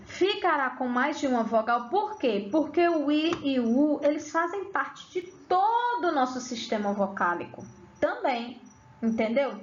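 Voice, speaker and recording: A woman with a high voice teaches a grammar lesson in a lively way. She asks her students questions and then answers them herself. The audio sounds slightly dull and lo-fi. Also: slight background noise.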